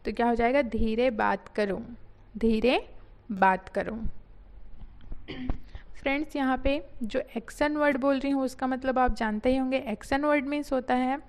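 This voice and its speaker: A woman teaching English vocabulary in a patient lesson, spelling words out and repeating key phrases slowly. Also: high-pitched, steady tone, a little mellow, clean tone.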